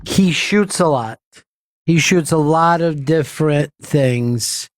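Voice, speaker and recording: A man's voice: on the high side, slow pace, no room sound. A man hosting a radio show, teasing his co-hosts with plenty of laughter and reading out listener comments. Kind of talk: casual studio banter.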